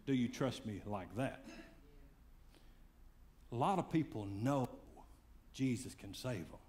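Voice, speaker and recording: A man preaching a sermon, swinging between loud fiery calls and hushed, quiet lines. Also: medium pitch, animated, slow, slight background noise. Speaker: pastor.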